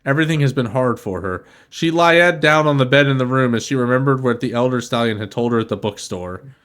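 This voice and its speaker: A man's voice: mid-range voice, fairly quick, fairly bright tone. A man hosting a comedy podcast, reading a fan story aloud and breaking in with sardonic asides. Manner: sardonic asides, laughing interruptions. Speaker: podcast host.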